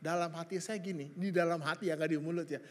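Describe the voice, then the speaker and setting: A man's voice: a little high, quick pace. A male pastor preaching to young couples, joking and acting out conversations with his wife. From Indonesia. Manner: lively, jokey, acts out dialogue. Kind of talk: sermon to young families. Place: large church hall. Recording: hall reverb.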